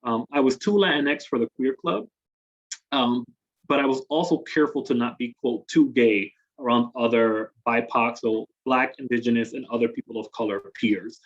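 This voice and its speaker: A man's voice: mid-range voice, normal speed. Conversational male workshop presenter, muffled call audio. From Dominican Republic. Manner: conversational, many fillers and tag questions. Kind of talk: presentation with slides.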